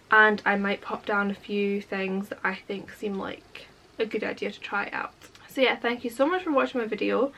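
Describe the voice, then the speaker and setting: A woman's voice: medium pitch, fairly bright tone, a little hiss or hum, poor audio. A young woman chatting casually through a product unboxing vlog, sometimes talking while eating. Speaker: vlogger.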